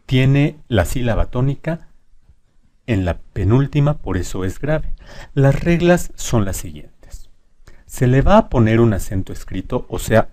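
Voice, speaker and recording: A man's voice: fairly low pitch, warm tone. A man teaching a lesson, stressing syllables emphatically and drawing out example words. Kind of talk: explanatory lesson.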